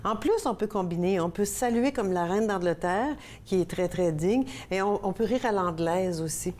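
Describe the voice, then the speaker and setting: A Québécois woman from Quebec, Canada, hosts a laughter yoga TV show, bubbly and laughing often as she leads upbeat on-air exercises. Her mid-range, darkish voice has lively intonation and a moderate pace, with slight background noise.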